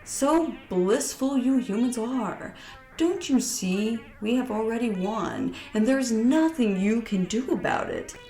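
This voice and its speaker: A woman voicing a cold, mocking male alien invader who speaks slowly and taunts his captives. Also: on the high side, very animated, darkish tone, roomy sound, faint music behind, voice pushed up. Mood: menacing. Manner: slow, sneering, taunting.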